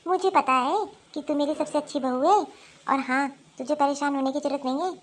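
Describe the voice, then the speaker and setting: A woman's voice: sits high, fairly even intonation, a little fast, close to an everyday voice. A woman voicing a fussy older mother-in-law. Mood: doting. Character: older mother-in-law, doting then regretful. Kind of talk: cartoon voice acting.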